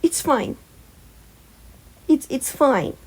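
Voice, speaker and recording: A woman with a high, sing-song voice that's a little mellow draws out her words. She hosts a fan-fiction audio channel as a podfic reader, narrating scripted stories and making casual asides to listeners.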